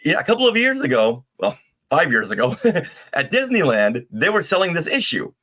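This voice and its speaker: A man's voice: fairly high pitch, wildly swooping pitch, normal speed, bright, forceful tone. A man co-hosting a casual fan live stream, bantering playfully and responding to comments as they come in.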